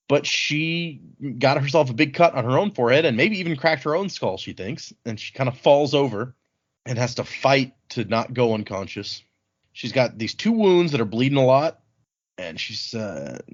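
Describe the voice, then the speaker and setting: Through a muffled recording, a medium-pitched man co-hosts a book podcast, leading a read-along. He retells the story in informal, colloquial chat, acting out characters' lines in paraphrase.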